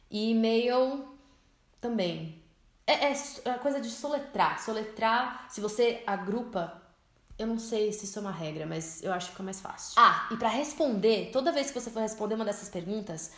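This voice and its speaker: A young Brazilian woman with a Brazilian Portuguese accent, teaching English in a chatty, expressive vlog style and slowing down to spell words out. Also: medium pitch. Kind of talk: casual vlog-style lesson. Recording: echoey room.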